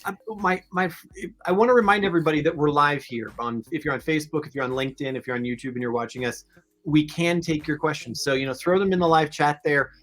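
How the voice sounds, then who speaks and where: Talking fast in a slightly high, fairly bright voice, a man hosts an education podcast. He opens with a scripted intro before chatting enthusiastically, frequently restarting his sentences.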